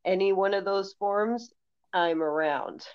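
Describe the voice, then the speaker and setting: A woman's voice: medium pitch, slow pace, a little mellow, clean tone. A woman co-hosting a horror movie podcast, casual and sarcastic, teasing her co-host and swearing freely. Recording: dull lo-fi sound.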